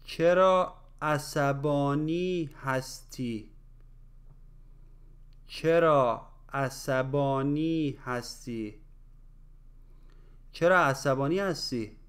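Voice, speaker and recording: A man with a smooth, resonant voice leads a slow language drill. He breaks each phrase into pieces, then says it again at full speed. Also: a little high. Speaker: language teacher.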